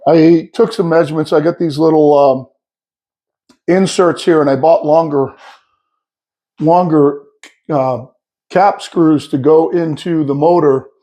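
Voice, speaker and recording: Male, slightly higher voice, warm tone, plain-spoken how-to walkthrough in a workshop. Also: steady tone, unhurried. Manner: plain-spoken, explains step by step with fillers. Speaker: sawmill owner showing his setup. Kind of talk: casual workshop demo. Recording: echoey, mics off.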